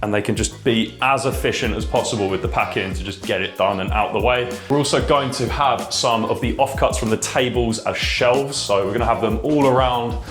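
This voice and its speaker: A man's voice: medium pitch, fairly quick, few pauses, a bit bright, faint music behind. A man giving a casual, informal video tour to camera indoors, explaining things in loose, filler-laced phrases. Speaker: vlogger and shop owner. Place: indoors in a shop being fitted out.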